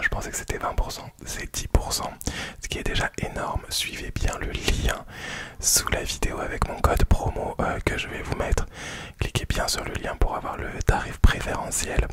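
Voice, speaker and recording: A man presents a product in a soft, quiet whisper, as though it were nighttime, in a casual and hesitant ASMR unboxing.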